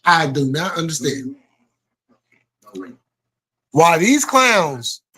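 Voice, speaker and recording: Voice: medium pitch, very animated, drawn-out words, bright, forceful tone, slightly rough. A live stream host chatting casually with viewers in informal, slangy speech peppered with swearing.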